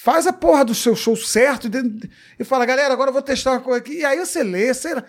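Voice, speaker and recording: A Brazilian man, a comedian guest, telling a story in casual interview talk, profane and animated, acting out what people said. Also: very high-pitched, fast talker. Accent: Brazilian Portuguese.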